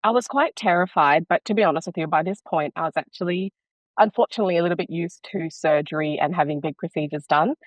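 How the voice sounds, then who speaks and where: A woman from Bangladesh, a podcast guest, explaining her story calmly in a casual interview and laughing easily. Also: on the low side, fast talker, no room sound, low-quality recording.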